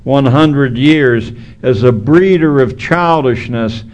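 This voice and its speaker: Man, public lecture, slight lisp, repeats words when starting, mid pitch. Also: slow pace, a little mellow, lo-fi sound. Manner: hesitant starts, slight lisp from missing teeth. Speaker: keynote speaker.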